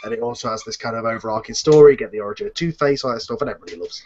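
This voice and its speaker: Rapid-fire and medium-pitched with a darkish tone, a man hosts a cast chat over an online group video call. He's casual and rambling, frequently correcting himself, and the call audio is dull and lo-fi.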